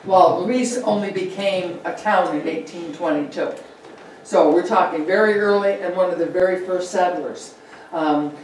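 A woman whose voice is on the low side delivers a chatty local history talk with slides, fillers and asides. The setting is a meeting room with a projector, recorded by a distant room mic, very echoey, with slight background noise.

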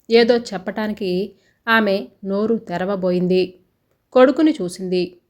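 A woman narrates a story aloud at an ordinary middle pitch. Her reading is steady and even, and she lifts her voice a little only when quoted speech comes up.

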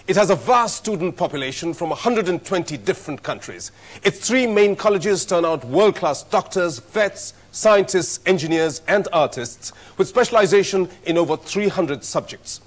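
A middle-aged man hosting a TV quiz show, speaking in a formal, measured way with clear diction. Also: sits high. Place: TV studio set. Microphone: lapel mic.

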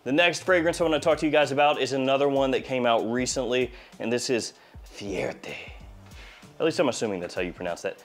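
Briskly and in a mid-range voice, a man in his forties with a mild head cold reviews a fragrance for his video channel. His tone is playful and wry, with faint music behind him in a small indoor studio.

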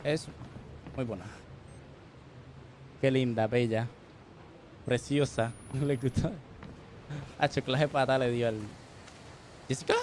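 A man's voice: medium pitch, steady tone, slow pace, long pauses, darkish tone, slight background noise. A man giving live gameplay commentary as a streamer, joking, tossing in English words and yelping when startled. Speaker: gaming streamer.

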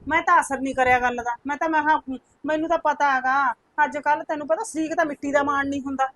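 An actress playing a talkative mother-in-law in a village home, speaking with a Punjabi accent in a brisk, storytelling manner. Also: high voice, steady tone, a bit bright, no room sound. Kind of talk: village comedy skit.

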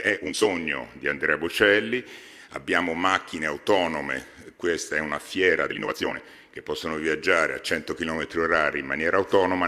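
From a podium microphone on a large exhibition hall stage, a foundation president in his fifties gives a formal speech. His very low voice still has a bright, forceful edge and rings with long reverb, and he pauses and hesitates frequently.

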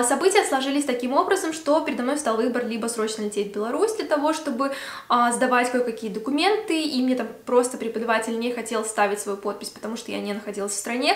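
A woman's voice: a little high, a bit bright. Chatty young woman in an echoey room. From Belarus. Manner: chatty, many fillers. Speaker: beauty vlogger. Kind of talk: casual Q&A vlog. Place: room at home by a Christmas tree.

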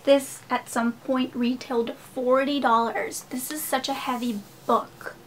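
A woman vlogger chatting casually to her viewers, gushing and fast-talking. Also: high voice, flat delivery, a bit bright, a little hiss or hum. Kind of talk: casual haul video talk. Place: home room.

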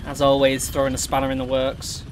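A man's voice: mid-range voice, monotone, a little fast, slight background noise. A young man with a cold and a nasal voice, chatting upbeat while playing a game. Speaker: gaming host. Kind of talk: casual gameplay commentary.

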